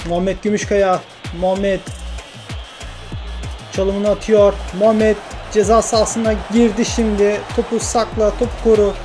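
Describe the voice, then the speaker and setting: A man narrates his football video game career into a desk mic, cheering and complaining at every chance. His voice sits high for a man. Game music plays clearly behind him. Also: a little slow. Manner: excitable, swears and grumbles at the game, commentates his own play. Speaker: gaming YouTuber.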